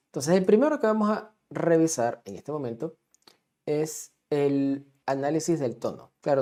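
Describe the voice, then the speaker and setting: Mellow-voiced man teaching a lesson. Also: medium pitch. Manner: patient, checks in often with "¿ok?" and "¿no?". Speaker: music teacher. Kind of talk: explanatory lesson, drawing on a diagram.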